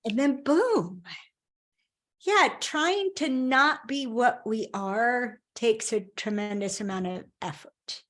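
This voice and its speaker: A woman speaking as an interview guest, her voice sitting a little high. She talks in an animated, reassuring, conversational coaching way. Her stories come out lively and friendly. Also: slow.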